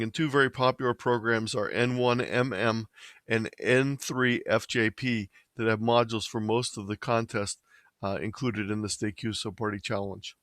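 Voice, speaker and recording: A man from Ohio in the United States presents an instructional slideshow on amateur radio, explaining each step plainly and methodically. He speaks at an average male pitch with a fairly bright tone. The recording is dry, with hardly any room sound.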